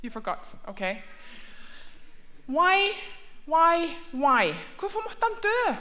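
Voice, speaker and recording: A woman's voice: extremely high pitch, big pitch swings, sharp tone. A woman teaching a children's church class, asking questions and repeating herself in two languages. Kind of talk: bilingual Sunday school lesson.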